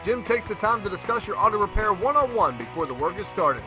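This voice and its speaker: A man's voice: high voice, sing-song, fast, music in the background. A man reading local business commercials with an upbeat, salesy delivery. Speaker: commercial announcer. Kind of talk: read local radio ad.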